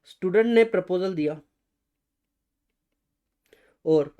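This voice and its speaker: Indian male law tutor, a bit high-pitched, repetitive question-and-answer lecturing. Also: slow, clear, resonant tone, phone-quality sound. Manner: quizzes students with repeated rhetorical questions; mixes Hindi and English, addresses students as guys. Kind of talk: recorded exam-prep lecture.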